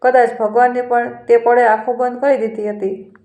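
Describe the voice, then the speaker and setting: A woman narrating a scripted family story in a steady, even way. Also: fairly high pitch, normal speed, reverberant.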